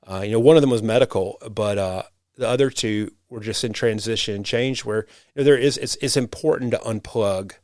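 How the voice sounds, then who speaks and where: A man who hosts a podcast and also serves as a rural pastor speaks in a casual conversation, his voice on the low side and a little mellow. He talks briskly with few pauses, reflective and rambling, often restarting his sentences. The studio sound is clean, with no echo.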